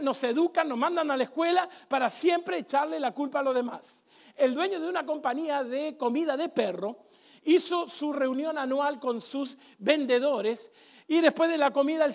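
A man delivers a sermon in a strikingly high voice with a rough, gravelly edge. He preaches with animated sarcasm and gets the congregation to repeat phrases back to him. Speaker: pastor.

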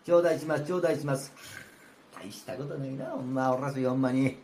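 Man as picky boastful guest, rakugo, Kansai accent, loud sneering drawl, faint room noise. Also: medium pitch, fairly even intonation, fairly quick, voice pushed down, lightly acted. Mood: scornful. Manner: scornful, drawling complaints. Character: snobbish boastful male guest, picky eater. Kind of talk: rakugo storytelling. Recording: roomy with faint ambience.

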